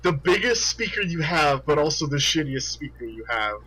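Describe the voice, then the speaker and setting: A man co-hosting a casual comedy podcast, an animated storyteller who laughs a lot. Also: fairly high pitch, moderate pace, poor audio. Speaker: podcast co-host.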